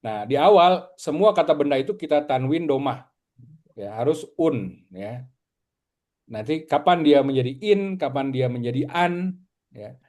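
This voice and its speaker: A man from Indonesia leads a relaxed Arabic class. His warm, dark-toned voice sits at an ordinary pitch. He drills each word patiently and slowly, so his students can follow. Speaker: Arabic teacher. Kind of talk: casual online lesson.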